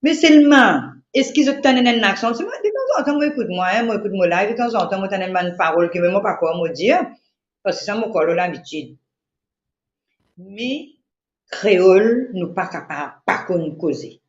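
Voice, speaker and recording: A woman from Mauritius with a Mauritian Creole accent, chatting on the radio in an animated, repetitive, emphatic way. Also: mid-range voice, normal speed. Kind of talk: casual radio chat. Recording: roomy lo-fi radio recording.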